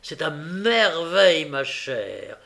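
A man voicing a wheedling old male fence and gang boss, speaking in a soft, coaxing way. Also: a little high, sing-song, takes it slowly, gravelly, full character voice.

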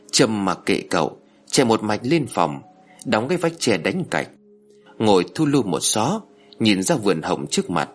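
A man narrates a story with animated, expressive delivery. His voice is husky, and his pitch moves widely through each sentence. Faint music plays under the reading.

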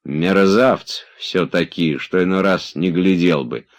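A man's voice: low voice, unhurried. Male reader as sulky old manservant, drawling refusals. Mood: grumbling. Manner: lazy, sullen, drawling.

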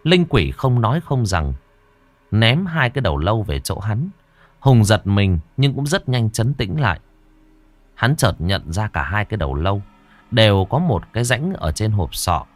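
A man reads a horror story aloud in a lowish voice with a very lively, swooping pitch. His delivery is suspenseful, and the sound is dry and close to the mic. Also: normal speed, no room sound. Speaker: narrator. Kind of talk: dramatic horror story reading.

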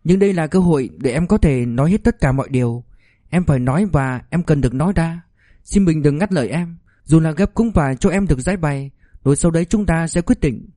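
A man voicing an anguished young mother in an audiobook, soft and pleading. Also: a little high, fairly quick, dry recording, clean studio sound, pitched above the performer's own voice, close to an everyday voice. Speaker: mother, wife of an officer.

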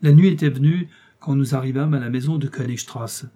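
A man narrating a classic novel as an audiobook, measured and expressive storytelling. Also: mid-range voice.

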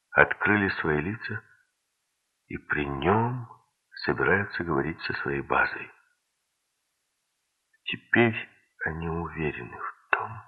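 A man narrating a thriller audiobook in a steady, measured reading. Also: low-pitched, slightly rough. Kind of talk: scripted narration. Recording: tinny lo-fi audiobook recording.

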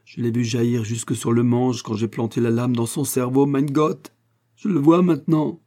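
A man voicing a terrified, guilt-stricken male museum curator who speaks hoarsely and frantically. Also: lowish voice, steady tone, moderate pace, mellow. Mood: horrified. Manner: frantic, raised voice.

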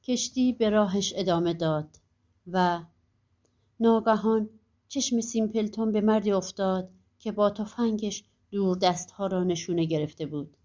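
Mellow woman reading a fairy tale. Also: medium pitch. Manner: calm, even storytelling. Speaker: audiobook narrator. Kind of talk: fairy-tale audiobook narration.

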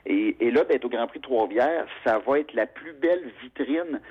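A man's voice: medium pitch, normal speed, husky, phone-quality sound. A man from Quebec with a Québécois French accent, a motorsport announcer telling stories in a radio interview, full of fillers and restarts. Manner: chatty, animated storyteller with frequent fillers.

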